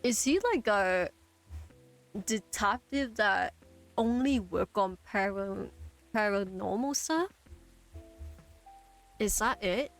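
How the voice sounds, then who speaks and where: A woman's voice: mid-range voice, slow, long pauses, soft background music. A woman who is not a native English speaker, streaming a game in a chatty, self-deprecating way with lots of fillers.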